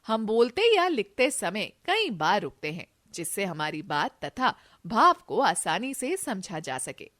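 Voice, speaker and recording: A woman teaching a children's grammar lesson, reading example sentences slowly and expressively. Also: fairly high pitch, fairly bright tone.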